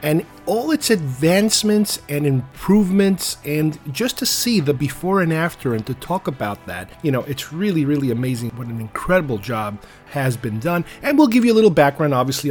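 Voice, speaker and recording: A man hosting a podcast, talking casually and enthusiastically in a rambling way. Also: mid-range voice. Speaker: podcast host. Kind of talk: casual solo podcast talk.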